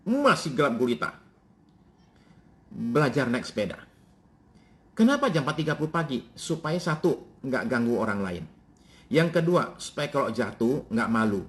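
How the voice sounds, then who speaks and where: Pastor telling a lively sermon story. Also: male voice. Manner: storytelling, lively swings in pitch, quoting family members. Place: church.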